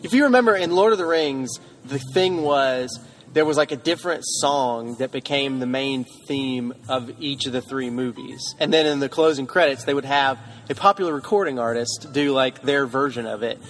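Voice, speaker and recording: A man's voice: mid-range voice, normal speed, slight background noise. A man co-hosting a podcast, chatting in a rambling way from inside a car. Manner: rambling, restarts sentences. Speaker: podcast co-host. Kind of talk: casual chat.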